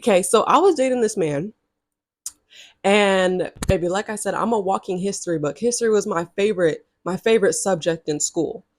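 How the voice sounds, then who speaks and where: A woman in her early twenties, a vlogger, tells her viewers a storytime to camera in a chatty, sassy manner, often breaking off for direct asides. Her voice sits in the mid range at a moderate pace, and the studio recording is clean with no room sound.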